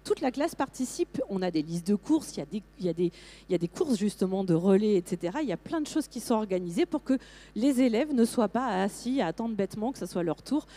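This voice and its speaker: A middle-aged woman giving a lively conference talk to teachers, with frequent fillers and restarts. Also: mid-range voice, quick pace. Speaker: teacher trainer presenting to teachers.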